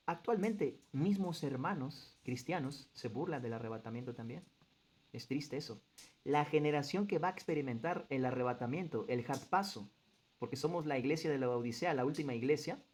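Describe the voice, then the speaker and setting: A man with a medium-pitched, slightly mellow voice leads a group Bible study. Earnest and teacherly, he reads passages aloud, quizzes the group, and stresses key points.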